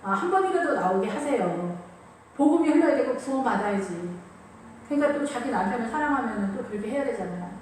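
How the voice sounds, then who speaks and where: A woman's voice: a little high, lively intonation, fast, a little mellow, slight background noise. A woman pastor preaching a sermon in a church, talking in an emphatic, conversational way. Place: church sanctuary. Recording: echoey room, voice from a distance.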